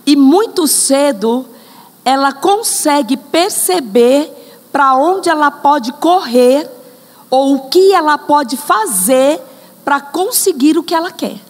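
A woman's voice: high voice, expressive, slow pace, big-room sound. A woman preaching a sermon, speaking straight to the congregation and acting out examples. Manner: addresses the congregation directly, acts out examples.

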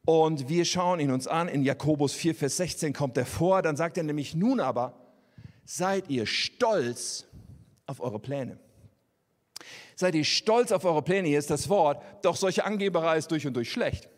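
A man's voice: fairly high pitch, expressive, unhurried, in a large hall. A man preaching a sermon in an earnest, conversational way, speaking directly to his listeners.

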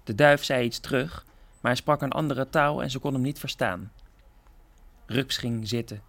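A man from a theatre group calmly reading a children's story aloud with gentle expression. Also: mid-range voice, gravelly.

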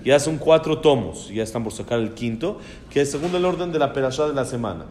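A man's voice: medium pitch, expressive, fairly quick, darkish tone, slight background noise. A man giving an informal Torah class, speaking in an admiring way that repeats phrases and often restarts.

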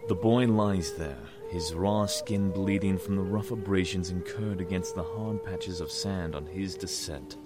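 A man's voice: low voice, a little slow, hardly any pauses. A man narrating a dramatic scripted story. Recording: music score behind.

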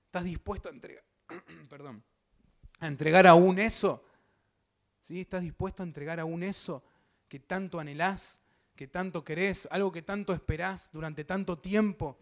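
His voice sitting high, a young man preaches with a Rioplatense Spanish accent, recounting his testimony vividly. Sound effects and performed quotes fill the story, which he directs right at the congregation.

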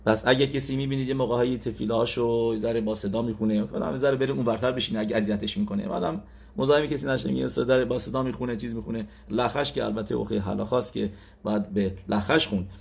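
Religious teacher guy, gravelly voice, animated sermon story, acts out the lines. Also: mid-range voice. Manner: animated retelling with acted quotes.

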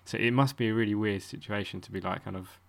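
Podcast host: male, Essex accent, low-pitched voice, informal interview chat. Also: steady tone, fast talker. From Essex, England.

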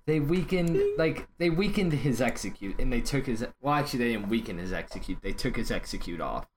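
A man hosts a casual gaming talk show with a joking, bantering manner. His voice sits at an ordinary middle pitch, with a faint noise behind it. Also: expressive, a little fast. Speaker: podcast host.

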